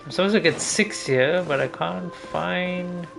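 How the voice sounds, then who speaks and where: A video game streamer with a high, creaky voice gives casual gameplay commentary at a measured pace, muttering through each step to himself as he thinks aloud. Game music plays in the background.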